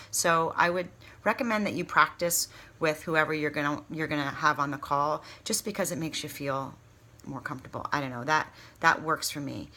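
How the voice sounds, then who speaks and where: This woman speaks low-pitched, with a pushed, bright quality. It's an informal training talk with acted sample pitches, and she sounds like a chatty, candid coach encouraging new consultants with real emphasis.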